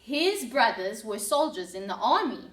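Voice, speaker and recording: A woman reading a Bible story aloud to children, dramatic and expressive. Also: on the high side, measured pace. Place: church room. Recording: roomy sound from a distant mic.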